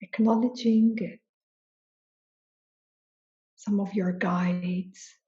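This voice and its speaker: The recording is dull and a little muffled as a female spiritual teacher guides a meditation. Her soft-edged, mellow voice stays at medium pitch with fairly even intonation, moving extremely slowly with deliberate pauses between phrases.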